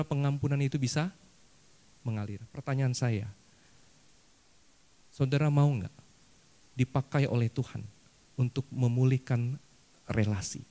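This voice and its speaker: A man's voice: mid-range voice, a little mellow. A male pastor preaching a sermon and telling a personal story with humor, often addressing the congregation directly. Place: church service.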